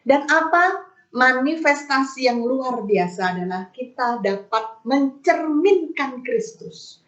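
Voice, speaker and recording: A middle-aged woman giving a testimony sermon at a prayer meeting, lively and acting out her own prayers in a raised voice. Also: sits high, slow. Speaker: guest speaker at a prayer meeting. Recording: dull, roomy sound.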